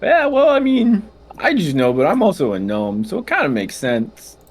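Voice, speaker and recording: A man's voice: high voice, wildly swooping pitch, normal speed, voice pushed up, exaggerated voice. A man voicing a laid-back stoner gnome inventor in a tabletop game, with a rambling, hesitant drawl. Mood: mellow. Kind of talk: tabletop role-play in character.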